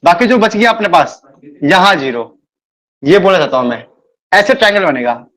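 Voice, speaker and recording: High-voiced man teaching math to students. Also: animated, fairly bright tone. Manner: repeats words, addresses students as beta; admits speaking fast. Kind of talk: live online class lecture.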